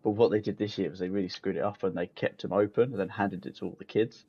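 Dad rambling on a podcast, lowish voice, kinda muffled lo-fi mic, keeps restarting sentences and chuckling. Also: male voice, steady tone, fast, husky. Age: adult, a parent. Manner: rambling, self-correcting, laughs mid-sentence. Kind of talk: casual banter. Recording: dull, muffled lo-fi sound.

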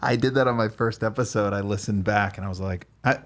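A man hosting a podcast interview in a studio, easygoing and quick to laugh along with his guest. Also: lowish voice, fairly even intonation. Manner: easygoing, reactive, laughs along, self-conscious about fillers. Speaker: podcast host. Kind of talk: casual interview chat.

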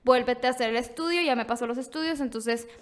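Young Mexican woman, high voice, lively guest storyteller who acts out quotes. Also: fast. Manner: animated, acts out quoted voices, breaks into laughs. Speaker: podcast guest. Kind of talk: casual storytelling chat.

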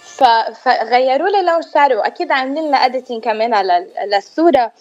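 A chatty woman with a Lebanese accent and a fairly high voice, talking casually as a radio guest and mixing in English phrases. The sound is dull and lo-fi, with faint music underneath. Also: lively intonation, quick pace, a little mellow. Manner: chatty, mixes in English words. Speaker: actress, interview guest. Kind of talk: casual radio interview chat.

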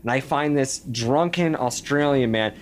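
Guy in his 30s rambling thru a story, says like a lot, mid pitch. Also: unhurried, a little hiss or hum. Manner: rambling, heavy use of "like" fillers. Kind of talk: casual storytelling chat.

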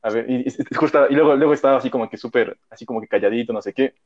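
A man's voice: mid-range voice, very fast, a loud crowd. A young man, telling a story in casual chat, rambling and full of slang and fillers. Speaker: podcast co-host. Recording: dull lo-fi audio.

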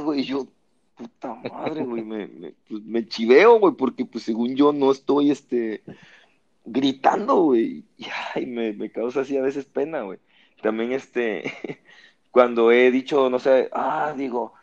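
A man in his thirties from Veracruz with a Veracruz Mexican accent, chatting casually in a loud, slangy way and laughing often. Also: medium pitch, a little slow, dull audio. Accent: Veracruz Mexican Spanish. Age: 30s. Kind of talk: casual chat.

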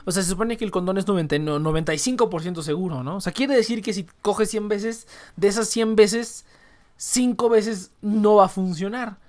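A woman's voice: mid-range voice, moderate pace, darkish tone. Slangy, cursing Mexican woman streamer. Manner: rambling, slangy and profane, talking to chat viewers. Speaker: live streamer. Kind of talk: casual chat.

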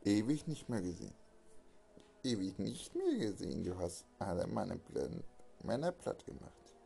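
A man voicing a vengeful scarred male villain in a homemade audio story, threatening slowly. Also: lowish voice, wildly swooping pitch, vocal fry, warm tone, faint music behind, pitched below the performer's own voice, heavily acted. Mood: menacing.

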